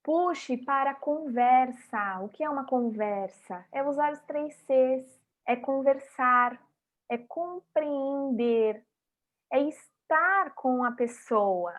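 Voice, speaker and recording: A high-voiced woman delivers a motivational talk in short, emphatic, rhythmic phrases, addressing her listeners directly. The recording is dull and lo-fi. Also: slow pace. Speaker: speaker at a vegan festival talk.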